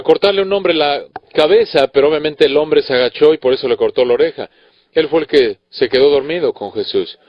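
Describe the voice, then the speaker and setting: A man's voice: medium pitch, dry recording. A man preaching a sermon to pastors, earnest and emphatic, with rhetorical questions and frequent self-corrections. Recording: dull, dry recording.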